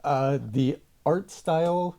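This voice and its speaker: A man co-hosting a podcast, chatting casually in a hesitant, halting way and often repeating words. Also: a little high, warm tone. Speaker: podcast co-host. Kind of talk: casual chat.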